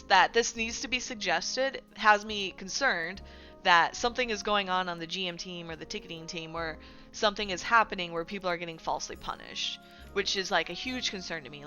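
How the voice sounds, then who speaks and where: Bright-voiced, chatty woman streamer. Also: lowish voice. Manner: chatty, filler-heavy, keeps asking "right?". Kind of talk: casual livestream commentary.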